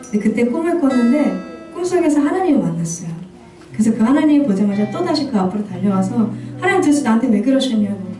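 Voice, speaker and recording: A woman giving an earnest testimony sermon as a guest worship minister, telling stories to a church congregation. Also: fairly high pitch. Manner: earnest, storytelling. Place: church sanctuary. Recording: echoey hall, distant mic, faint music.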